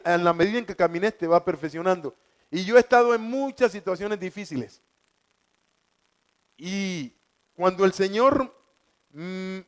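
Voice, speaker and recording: High-voiced man preaching. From Colombia. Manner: fervent, repeats key words for emphasis. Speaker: preacher giving testimony. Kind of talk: evangelical testimony sermon.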